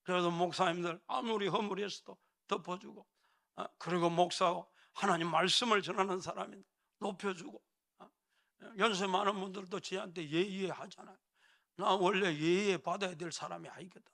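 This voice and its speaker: A male pastor delivers a sermon in a church. His voice sits high and carries a gravelly edge with a sharp, bright tone. He talks emphatically and keeps nudging his listeners with questioning tags. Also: steady tone, moderate pace. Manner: emphatic, prodding the congregation with frequent "eh?" tags. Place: church sanctuary.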